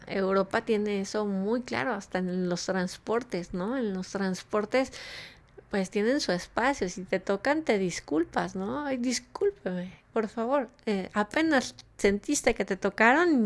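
A woman from Mexico with a Mexican Spanish accent, speaking in a casual, rambling monologue to listeners, with many fillers and frequent small laughs. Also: mid-range voice.

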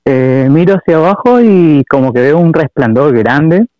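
A man's voice: on the high side, expressive, no echo. A man with an Argentine Spanish accent calls in to recount a personal story, stopping often and repeating himself. His voice comes over a dull, muffled phone line with no room sound. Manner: halting, full of fillers and repeats. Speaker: caller. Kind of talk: telling a personal story on a call-in show.

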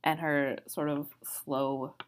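A woman with a fairly low voice co-hosts a book podcast in easy, casual chat. She laughs often and lets her sentences trail off before picking them back up. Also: little pitch movement, slow pace. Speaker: podcast co-host; writer.

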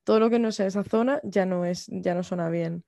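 A woman trades opinions in a relaxed podcast conversation, with a playful and confident delivery. Her mid-range voice sounds close and dry, with no room behind it. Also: mid-range voice, fairly quick, creaky, dry recording. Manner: opinionated, playful, mimics accents. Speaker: podcast co-host. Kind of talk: casual chat. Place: lives in the English Midlands.

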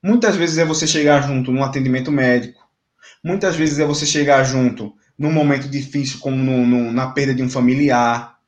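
A man's voice: medium pitch, steady tone, brisk, roomy sound. A man, talking as a football commentator on a fan debate show, emphatic and indignant, often repeating words.

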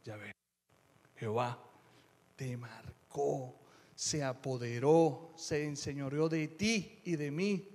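A middle-aged man preaching a sermon as pastor, emphatic, moving between quiet asides and loud declarations. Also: mid-range voice, slow, long reverb tail.

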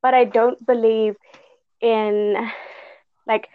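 Zimbabwean woman, highish voice, muffled call. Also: level tone, slow, smooth. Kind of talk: casual chat. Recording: dull lo-fi app call audio.

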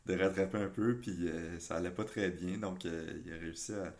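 A man's voice: sits low, fairly even intonation, normal speed, a little mellow. A man with a Québécois accent who is a political columnist, speaking in a casual panel discussion and often stopping for fillers and restarts. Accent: Québécois French. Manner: hesitant, many fillers and restarts.

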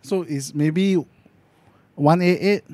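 Higher-voiced Singaporean man speaking casual Singlish. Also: slow, warm tone, no room sound. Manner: colloquial Singlish with local slang and particles. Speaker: podcast co-host. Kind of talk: casual chat.

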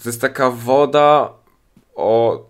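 A man's voice: mid-range voice, takes it slowly. A man co-hosting a casual podcast, joking around, swearing freely and pleading for subscribers. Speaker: podcast co-host and channel owner.

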